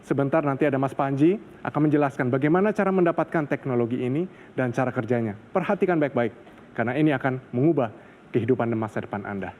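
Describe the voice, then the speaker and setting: A man's voice: medium pitch, fast talker, highs cut off, a little hiss or hum. A man hosting an infomercial, addressing viewers emphatically. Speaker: TV host.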